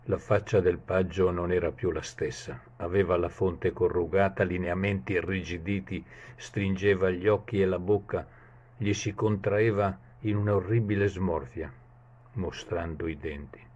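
A man reading a fable aloud in a dramatic storytelling manner, with a husky voice. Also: steady tone, moderate pace, a little mellow, lo-fi sound. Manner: dramatic storytelling, shifts pitch for characters.

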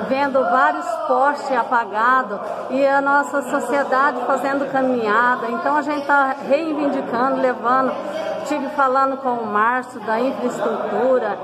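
A middle-aged female councillor with a slightly high voice who speaks earnestly to the interviewer. People murmur clearly in the background. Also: rough recording. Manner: earnest, addresses the reporter by name. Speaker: city councillor. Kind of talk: interview answers. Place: indoor office with flags.

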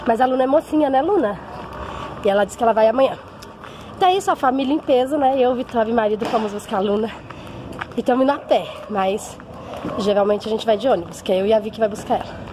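Quick-paced and chatty, this vlogging mother has a slightly high voice and gets emotional as she talks casually to viewers, often seeking their agreement. Her phone audio picks up clear background noise as she moves from home to walking along a street outside.

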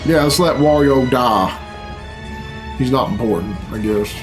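Grumbling with sarcasm and bemusement, a middle-aged reaction video host gives casual, profane commentary in an unhurried, mid-range voice. He's in a small bedroom indoors while video game cutscene music plays behind him.

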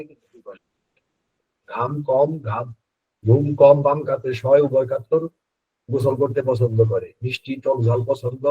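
A man teaching homeopathy, reading case notes in rapid lists and stressing key words. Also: medium pitch, slightly rough, phone-quality sound. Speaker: homeopathy instructor. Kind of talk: lecture on repertory practice.

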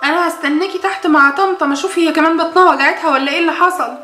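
A woman's voice: very high voice, rapid-fire, bright, forceful tone, soft background music. A woman with an Egyptian Arabic accent voicing a caring mother doll in a soothing, motherly way. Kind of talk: doll play acting. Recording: echoey room.

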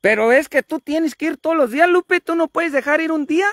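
A woman's voice: sits high, brisk, no echo, clean studio sound. A woman vlogger, teasing and swearing in casual chat.

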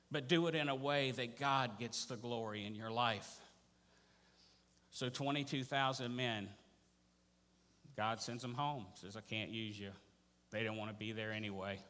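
A man preaching in a church, his voice bright and forceful. He swings from quiet asides to loud, animated bursts. A long hall reverb trails each phrase. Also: mid-range voice. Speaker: pastor. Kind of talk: sermon. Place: church sanctuary.

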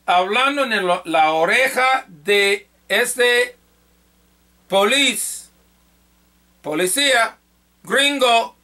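Male Bible teacher, high and bright, slow and halting, self-correcting delivery. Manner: halting, repeats and corrects himself. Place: church.

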